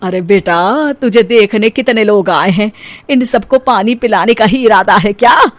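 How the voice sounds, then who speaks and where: A woman's voice: medium pitch, measured pace, close to an everyday voice. A woman voicing a proud middle-aged mother-in-law in a cartoon story, motherly but chiding and emphatic. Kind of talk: cartoon story character acting.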